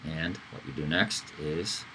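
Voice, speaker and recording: A man giving a casual screen-recorded software tutorial, talking loosely with fillers and self-corrections. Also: extremely low pitch, unhurried, slight background noise, rough recording. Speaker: instructor.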